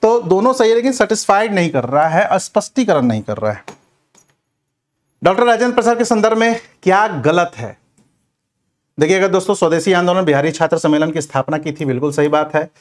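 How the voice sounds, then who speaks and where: Leading an exam revision session in Q&A form, this male history teacher addresses the class directly and keeps tossing in check-in tags. He's high-pitched and a little fast, with lively intonation.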